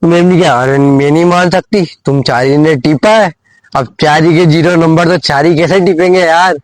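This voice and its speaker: A man's voice: a little high, normal speed, no echo, low-quality recording. Young man telling a rambling comic story. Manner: rambling, repeats phrases, many fillers. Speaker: vlogger. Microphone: phone.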